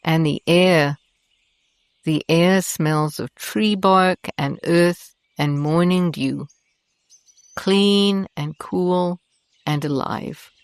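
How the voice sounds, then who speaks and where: With a low voice and a clear, resonant tone, a woman takes listeners through a very slow guided meditation. Her manner is calming, gentle and deliberate. The sound is dry and close, free of room echo.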